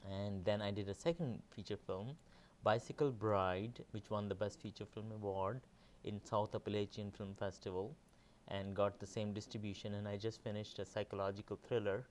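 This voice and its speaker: A middle-aged Pakistani film director answers interview questions in a measured way, pausing often. His voice is fairly low and steady, with a little background noise.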